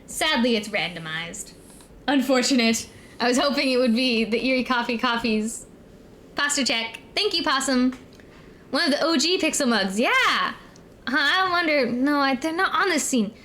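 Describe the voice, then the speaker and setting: High-pitched, cute anime-streamer young woman. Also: expressive, normal speed, fairly bright tone, slight background noise. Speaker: streamer and co-host. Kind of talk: casual livestream chat.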